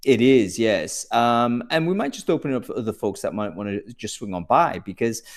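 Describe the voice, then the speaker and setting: A man in a mid-range voice hosts a relaxed live panel over a video call. He talks in a chatty, easygoing way, stopping and restarting as he brings guests on. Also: mid-range voice, brisk. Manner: chatty, easygoing, lots of fillers. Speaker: host. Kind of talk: casual live panel hosting.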